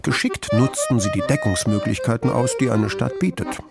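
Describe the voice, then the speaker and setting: A man narrating a children's storybook in a lively, expressive way. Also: medium pitch, moderate pace, gravelly, over loud music.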